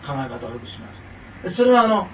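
A man's voice: high voice, sing-song, quick pace, a little hiss or hum. A man preaching a sermon to his congregation in a conversational way, with frequent fillers and asides. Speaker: pastor. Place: church hall. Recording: echoey hall, mic from far off.

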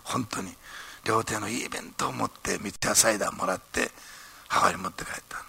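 A man preaching a sermon, telling a story in an animated way and tagging his phrases with "ne". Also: lowish voice, fairly quick, creaky, breathy edge. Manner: animated storytelling, frequent ね tags. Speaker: pastor.

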